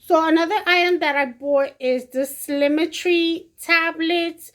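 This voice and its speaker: A young adult woman chatting casually to her viewers in an unboxing vlog, excited and talking straight to the camera. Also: very high-pitched, unhurried, a little hiss or hum. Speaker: beauty vlogger.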